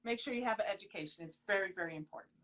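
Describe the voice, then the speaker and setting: Speaking through a phone on a video call, a young Haitian-American model raised in a Creole-speaking household gives a casual live interview. She's earnest and emphatic, often exclaiming, with a medium-pitched, somewhat bright voice that races along.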